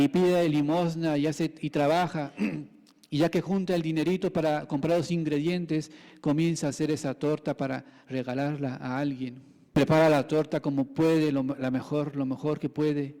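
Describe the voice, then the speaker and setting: Priest guy giving a sermon to kids, dark mellow voice, big echoey chapel. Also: a little high. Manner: catechizing tone, addresses children, acts out their replies.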